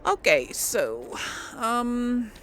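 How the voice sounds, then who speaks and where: A game streamer gives casual let's play commentary, thinking aloud as she plays in a slightly high, very animated and fairly bright voice, though she speaks extremely slowly. A little hiss or hum is present, with faint video game sounds behind her.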